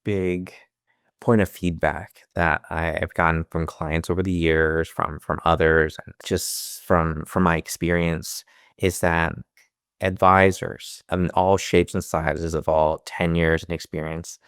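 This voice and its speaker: This American interview guest, a financial advisor in his thirties who grew up speaking Chinese at home first, talks slowly and levelly in a low, smooth, resonant voice with a fairly bright tone. He's earnest, frequently restarting phrases and using fillers. The sound is dry and close, with no room sound.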